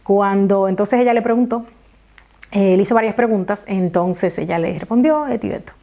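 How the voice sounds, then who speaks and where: A Dominican woman from the Dominican Republic telling a personal story in a vlog, lively and talking straight to her viewers. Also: medium pitch, moderate pace. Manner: animated storytelling, talks straight to viewers, many "entonces". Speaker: vlogger. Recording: slightly dull lo-fi audio.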